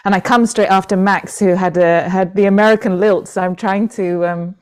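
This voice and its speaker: A British woman in her forties, a Buddhist nun, speaking gently and reflectively to an online gathering. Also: medium pitch, fairly even intonation, normal speed, clear, resonant tone. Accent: British, with an international lilt. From Britain. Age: 40s. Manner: gentle, reflective, with soft fillers and restarts. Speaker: Buddhist nun and Dharma teacher. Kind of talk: heartfelt talk to an online community. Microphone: video call.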